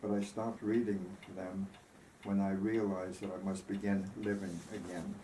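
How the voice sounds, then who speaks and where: A man's voice: low-pitched, level tone, measured pace, dark tone. A man reading the part of a tender, grieving woman who recalls her lost love, earnest and reflective, in a storybook reading. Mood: tender, wistful. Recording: roomy echo, faint background noise.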